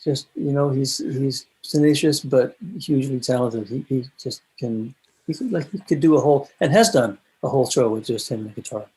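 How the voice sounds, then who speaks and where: A man's voice: medium pitch, fairly quick, husky, low-quality recording. A man being interviewed as a guest, mostly answering with short agreeing replies. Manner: brief warm agreeing replies. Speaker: guest songwriter. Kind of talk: casual interview chat.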